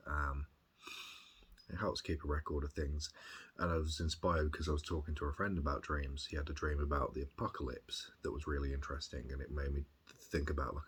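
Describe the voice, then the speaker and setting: This Birmingham man, a video diarist from that English city, has a very deep, husky voice and a local accent. In casual, reflective chat he recounts events, rambling, hesitating, and sounding thoughtful.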